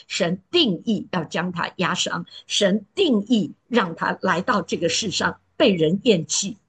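A woman preaching a sermon in an earnest, emphatic way, sometimes sinking to a soft pleading tone. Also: lowish voice, breathy edge.

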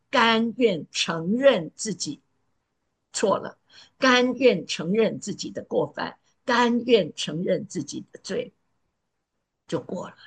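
A woman preaching a sermon in an earnest, emphatic way, sometimes sinking to a soft pleading tone. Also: medium pitch, slightly rough.

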